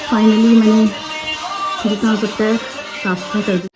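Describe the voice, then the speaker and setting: A woman's voice: mid-range voice, fairly even intonation, fairly quick, music in the background. Chatty woman vlogging her day. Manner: chatty, homely. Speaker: mother and vlogger. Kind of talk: casual vlog narration.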